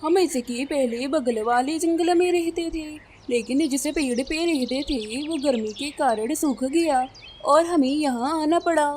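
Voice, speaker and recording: A woman voices a friendly male crow in a cartoon, a polite husband with an easy manner. The voice is high for a male figure. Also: a little slow, darkish tone, a little hiss or hum. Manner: polite, good-natured.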